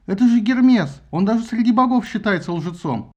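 A scornful young prince in a read-aloud myth, shouting and mocking, voiced by a man. His voice jumps high with contempt. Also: lively intonation, fairly quick.

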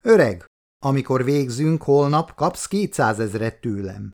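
A man reading as a brisk, self-assured insurance agent, his voice a touch higher than the narration and carrying a gravelly, rough edge. He speaks in an upbeat, businesslike way in an audiobook. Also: expressive, darkish tone, lightly acted. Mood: eager.

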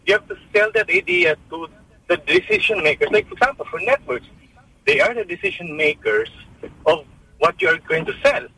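A man with a Filipino accent calling in to a radio show over a speakerphone line, halting and full of ums as he gives his opinion. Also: high voice, huge pitch swings, gravelly, pushed and bright, breathy edge, poor audio. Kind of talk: opinionated call-in comment.

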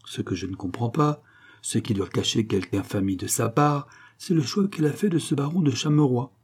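A man's voice: mid-range voice, brisk, breathy edge, natural voice. A man reading an earnest, indignant young nobleman in an audiobook, speaking emphatically.

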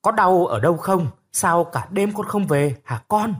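A man's voice: sits high, expressive, measured pace, a bit bright, slightly rough, voice pushed up, exaggerated voice. A man voicing a distraught village mother who wails over her lost son in a read-aloud story. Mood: frantic. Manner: wailing, pleading. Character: sobbing frantic village mother.

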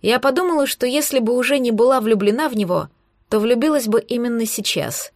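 A woman with a fairly high voice reads a novel aloud in the first person. Her narration is steady and expressive. The recording is dry and close, with no room sound. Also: a little fast, dry recording. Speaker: audiobook narrator.

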